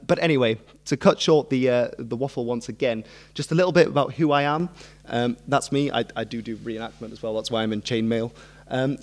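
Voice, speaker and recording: A man, giving an informal, self-deprecating history lecture as a student speaker. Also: medium pitch. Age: early 20s. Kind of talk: informal public talk with self-deprecating humour. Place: on stage in a hall before a seated audience. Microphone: microphone on a stand at a lectern.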